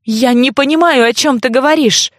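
A woman's voice: sits high, normal speed, no echo, studio quality, voice pushed up, natural voice. A woman voicing a frightened young orphan girl who pleads in a trembling voice.

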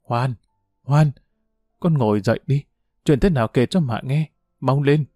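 A frantic, furious middle-aged mother shrieks and threatens, as a male narrator puts her on. The pitch climbs high and swings wildly with each outburst. The voice sits close and dry with no room around it. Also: lively intonation, moderate pace, dark tone, no echo, faint music behind, natural voice. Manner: screaming, threatening.

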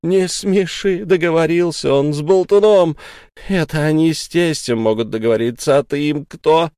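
A sharp-tongued young wife from a storybook, scolding in a high, forceful voice, put on by a man. Her lines come out loud, shrill and animated. The recording is close and dry. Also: moderate pace, no room sound. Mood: angry scolding.

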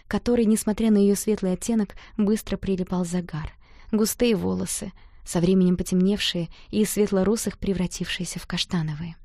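A woman reading a first-person romance novel aloud in an expressive, intimate way. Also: mid-range voice, no room sound, clean studio sound. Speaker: audiobook narrator.

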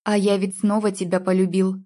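A woman's voice: mid-range voice, level tone, fairly quick, dark tone, natural voice. A woman voicing a jealous, drunk young man who hurls harsh accusations at his girlfriend in an audiobook. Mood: bitter.

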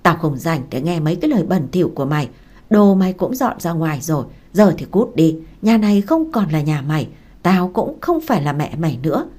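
A woman's voice: on the low side, big pitch swings, fairly quick, mellow. A woman voicing an enraged older mother-in-law who screams curses at her daughter-in-law. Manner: screaming abuse, cursing.

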